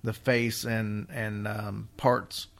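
A man's voice: fairly low pitch, flat delivery, drawn-out words, creaky, fairly bright tone. A man hosting a casual storytelling show, wry and joking, with a slight slur and the odd whistle or lip smack from a half-numb mouth. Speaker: podcast host.

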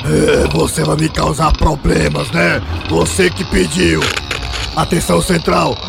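Male actor: blustering comedy-sketch cop, high gravelly bark, music behind. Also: little pitch movement, unhurried. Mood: radio call. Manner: barking, bossy, sing-song shouting. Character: shouty macho male police officer. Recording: music bed under voice.

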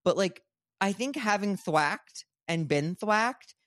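A man co-hosting a podcast in casual chat, hesitant and curious, with a deadpan delivery. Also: sits high, takes it slowly, no room sound, studio quality. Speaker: podcast co-host.

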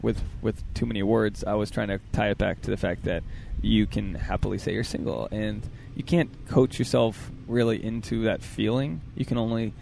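A man with a smoky, raspy voice hosting a casual interview, rambling and joking at his own expense, recorded outdoors in a park. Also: on the low side, dark tone, a little hiss or hum. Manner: rambling, self-deprecating, jokey. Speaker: podcast host.

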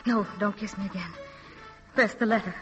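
An actress playing an alluring, anxious, scheming princess in an urgent 1940s radio drama style. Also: female voice, mid-range voice, moderate pace, muffled recording, faint music behind, lightly acted. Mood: coaxing.

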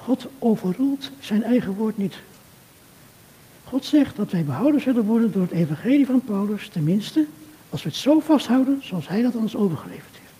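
An older man giving an earnest, measured sermon talk, speaking directly to a churchgoer. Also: high-pitched, big pitch swings, dark tone. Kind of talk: reflective sermon talk addressed to a listener. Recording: long reverb of a hall.

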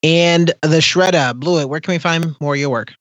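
A man's voice: a little high, normal speed, fairly bright tone, no room sound. A man hosting a podcast in casual, chatty style. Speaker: podcast host.

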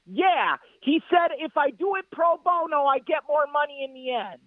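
A man's voice: very high-pitched, expressive, moderate pace, no echo. A male caller from Worcester, talking eagerly and a bit muddled over a phone line. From Worcester, USA.

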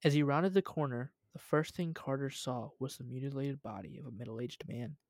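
A man's voice: medium pitch, moderate pace, creaky, darkish tone, dry recording, clean studio sound. A young man reading a story aloud at home, casual, with asides.

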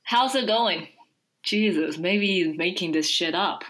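A woman playing a gruff, sardonic male archer hero weighed down by guilt in an amateur script read-through. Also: lowish voice, unhurried, a bit bright, rough recording.

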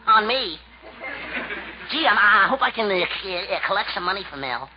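A man's voice: sits high, very animated, normal speed, over loud music. Give me a stammering, bumbling young errand boy. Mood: flustered. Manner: stutters heavily, hesitant, fumbling. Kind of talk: 1940s radio comedy acting. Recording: dull, hissy old radio recording.

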